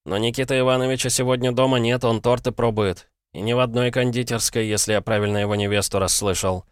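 A man voicing an eager, nervous shop boy of about sixteen who chatters quickly and anxiously. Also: mid-range voice, fairly even intonation, clean tone, no echo, clean studio sound, pitched above the performer's own voice, lightly acted. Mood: chatty.

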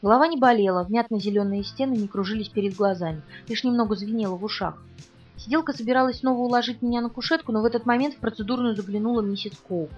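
A woman narrating an audiobook in the first person, in a restrained, quiet way. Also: a little high, fast. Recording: distant, muffled, soft music.

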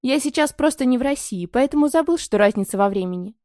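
A woman's voice: high voice, animated, quick pace, warm tone, no echo, studio quality. Woman reading as a brusque confident young man. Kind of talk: audiobook reading.

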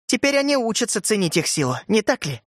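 A man voicing a cold, vengeful middle-aged widow in an audiobook, calm and then shrill and hissing. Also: fast talker, no echo, studio quality. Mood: bitter. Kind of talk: audiobook character voice.

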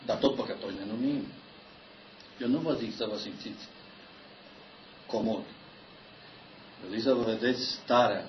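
A man preaching a sermon, telling stories about himself with animated, self-mocking humor. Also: mid-range voice, a little hiss or hum. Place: church meeting room. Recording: echoey church hall, dull lo-fi sound.

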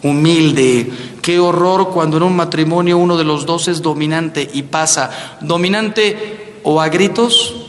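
A middle-aged Mexican man with a Mexican accent, a priest giving a playful, animated talk on marriage to a large audience. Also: on the high side, unhurried. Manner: animated, playful storyteller, acts out quotes. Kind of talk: lively talk on marriage with jokes. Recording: echoey hall with faint ambience.

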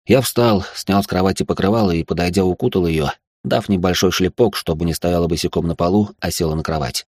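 A man narrating a first-person audiobook in a steady, matter-of-fact way. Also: low voice, brisk, slightly rough, dry recording, clean studio sound.

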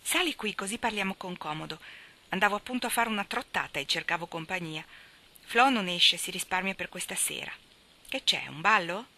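A woman reading aloud and voicing a relaxed, easygoing young man who answers in a chatty way. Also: lowish voice, a little fast. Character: tall young man, easygoing, restless traveler.

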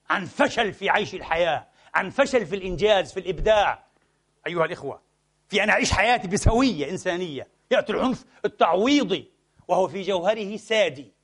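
Fervent, fast-talking male preacher. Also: high-pitched. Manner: rhetorical questions to the congregation; fervent, shifting between rapid asides and slow emphatic lines. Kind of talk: Friday sermon.

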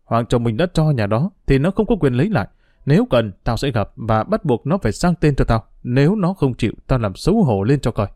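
A man's voice: medium pitch, very animated, fast talker, mellow, no echo, clean studio sound, natural voice. A man voicing a stubborn, domineering older mother who scolds her daughter with contempt, in a storybook reading. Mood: scolding.

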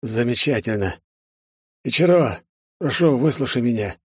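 A man voicing a dying older man in an audiobook, weak and gasping, speaking solemnly in halting phrases. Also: mid-range voice, animated, slightly rough, dry recording, clean studio sound, pitched above the performer's own voice. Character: dying older man, former boss, pleading.

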